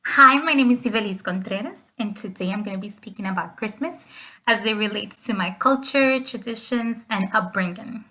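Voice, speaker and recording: Woman from the Dominican Republic, student presenter, scripted with small fillers, mid-pitched. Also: moderate pace, sharp tone. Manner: reads from a script with short fillers. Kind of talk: prepared class presentation.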